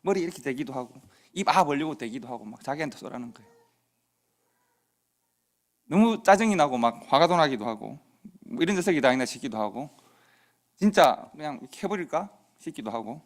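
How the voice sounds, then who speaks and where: A man's voice: a little high, animated, brisk, pauses often. A middle-aged man preaching in a church, telling a personal story in a conversational way and acting out the dialogue. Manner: conversational anecdote with quoted dialogue. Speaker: pastor. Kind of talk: sermon storytelling. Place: church sanctuary.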